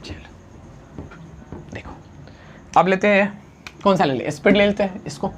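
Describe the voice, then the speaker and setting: A man teaching a science lesson, constantly asking the class questions and answering them himself, urging students to write fast and mixing English unit names into his talk. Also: sits high, slight background noise. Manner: urges students to write quickly, calls them friend.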